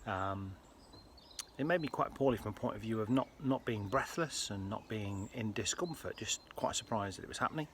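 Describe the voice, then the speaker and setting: British guy doing a casual vlog, lowish voice, earnest n a bit halting, faint background noise. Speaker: health vlogger. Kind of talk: casual personal vlog to viewers.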